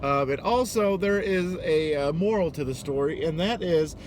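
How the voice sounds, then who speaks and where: An American man with a fairly high, slightly mellow voice speaks at a moderate pace, casually telling a personal story while still a bit worked up. A storytelling vlogger and delivery driver, he is hesitant and sweary and acts out the dialogue, over noisy, car-like ambient background noise.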